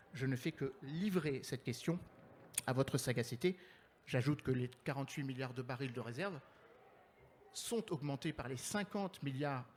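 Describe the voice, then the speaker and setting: A man moderating a conference panel in French, formal and wordy, with measured phrasing and deliberate pauses. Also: mid-range voice, a little hiss or hum.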